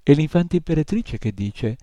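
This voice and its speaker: Whimpering little imp in a storybook, high stammering squeak, a man putting it on. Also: animated, moderate pace, mellow, dry recording, close to an everyday voice. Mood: alarmed. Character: whiny little male nightmare imp.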